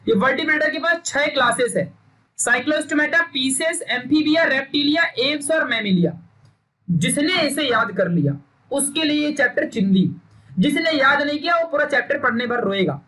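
A young man with an extremely high-pitched, sharp-toned voice teaches a recorded science lesson. He is emphatic and stern, drilling his points and scolding students into memorizing them, like a harsh pep talk.

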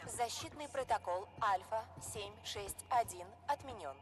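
A woman voicing a stern automated security system in a video game, making flat, formal alarm announcements. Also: mid-range voice, measured pace, music in the background, natural voice.

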